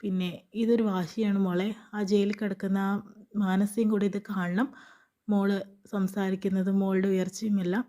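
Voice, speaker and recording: A woman's voice: mid-range voice, level tone, normal speed, dark tone. A woman casually recapping a TV serial episode, retelling scenes and quoting the characters' lines in her own voice.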